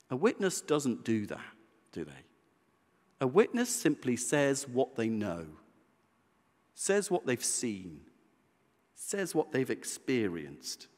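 A man preaching a sermon in a conversational, animated way, with self-deprecating humor. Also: medium pitch. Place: church. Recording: church hall reverb.

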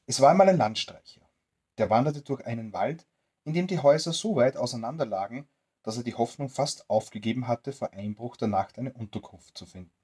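A storyteller reading a bedtime story aloud to children, in a gentle, expressive way. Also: medium pitch, a little fast, slightly rough.

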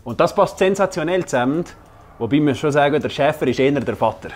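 Easygoing restaurant owner. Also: male voice, on the high side, animated, quick pace. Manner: easygoing, explains with fillers. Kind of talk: casual chat. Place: indoors in a hotel kitchen.

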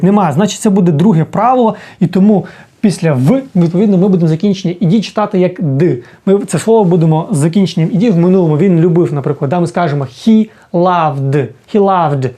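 A man teaching a casual video lesson as an English teacher, explaining slowly and often checking in with the listener. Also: high voice, warm tone.

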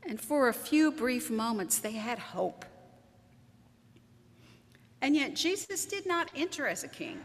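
A woman pastor delivering a sermon, emphatic and animated, with wry asides. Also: on the high side, measured pace, long pauses. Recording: long church reverb.

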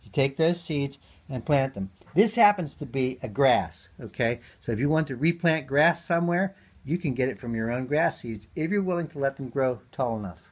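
A man's voice: mid-range voice, animated, normal speed. Folksy man teaching seed saving. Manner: folksy, chatty, many ums and uhs. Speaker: gardening teacher. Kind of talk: casual hands-on demonstration.

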